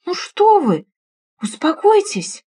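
A woman voicing a gentle, flustered wife in an audiobook, trying to calm someone. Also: very high-pitched, slow pace, voice pushed up, full character voice. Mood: soothing. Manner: soothing, uncertain.

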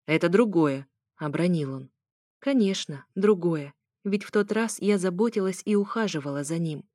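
A woman's voice: lowish voice, normal speed, dark tone, no room sound. Audiobook narrator, woman, wry first-person reading, dry close recording.

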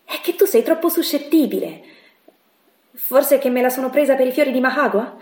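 A woman reading an audiobook, voicing an earnest young man who speaks softly and steadily. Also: sits high, expressive, fairly quick, pitched above the performer's own voice. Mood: gentle. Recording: echoey room.

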